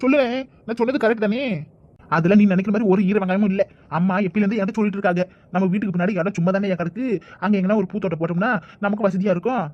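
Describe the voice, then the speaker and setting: A man's voice: sits high, natural voice. A man voicing a boastful, defensive young village man in a cartoon comedy, with a Kanyakumari Tamil accent. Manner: defensive, explaining himself. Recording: dull lo-fi recording.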